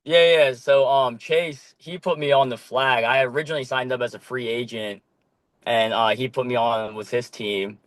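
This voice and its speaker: A man's voice: mid-range voice, moderate pace, dry recording. Guest, young man, loose and easygoing, lots of filler, dry close sound. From Korea. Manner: relaxed, loose, with many ums and casual swearing. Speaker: podcast guest, flag football player. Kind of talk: casual chat.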